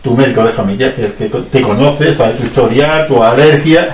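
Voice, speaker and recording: A man's voice: mid-range voice, normal speed, distant mic, a little hiss or hum. A man as a guest in a casual radio-style conversation, explaining at length in a rambling way with many restarts. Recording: roomy sound from off-mic.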